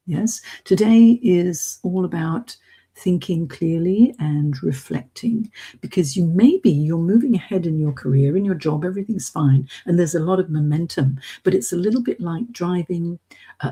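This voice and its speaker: A middle-aged woman with a British accent, an expatriate living in Hong Kong, leads an informal coaching session live, talking straight to her listeners with encouragement. Her voice is fairly low in pitch, dark, and has a breathy edge.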